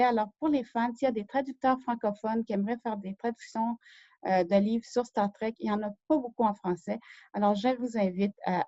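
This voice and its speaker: A woman's voice: medium pitch, warm tone, no echo. A woman hosting a screen-share research tutorial, talking hesitantly with many fillers and self-corrections. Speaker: show host. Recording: dull lo-fi dry recording.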